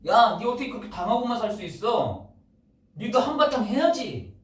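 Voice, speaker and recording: A man's voice: extremely high pitch, very animated, normal speed, reverberant, far from the mic, voice pushed up. A man in a sermon acting out a pushy worldly man who scolds a friend and insists he fight back. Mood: indignant.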